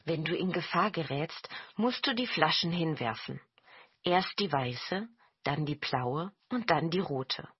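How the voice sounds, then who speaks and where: A woman voicing a kind, caring young wife who gives gentle advice. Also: low voice, expressive, a little slow, husky, no room sound, dull audio, full character voice.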